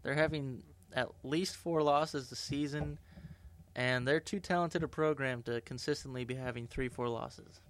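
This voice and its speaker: A man's voice: medium pitch, steady tone, normal speed, a little hiss or hum. A man co-hosting a podcast in casual sports chat, with wry joking asides. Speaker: podcast co-host.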